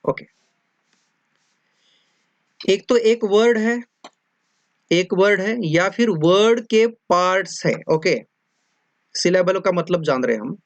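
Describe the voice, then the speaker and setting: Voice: medium pitch, slow, pauses often, no room sound. A teacher explaining a lesson in a mix of Hindi and English, often repeating points and checking that students follow. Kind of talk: classroom lecture mixing Hindi and English.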